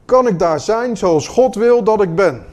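A man preaching a sermon in an earnest, questioning way, moving between quiet moments and emphatic ones. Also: high voice, expressive, unhurried.

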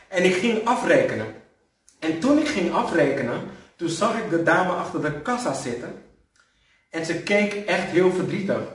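A man giving a sermon, telling personal stories, building up to loud emphasis and dropping to soft, quiet moments. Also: on the high side. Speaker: preacher. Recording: echoey hall, voice from some distance.

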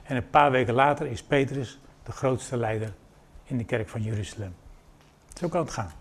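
A man preaching a sermon, retelling a scripture story and acting out the dialogue with lively emphasis. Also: mid-range voice, moderate pace, slightly rough.

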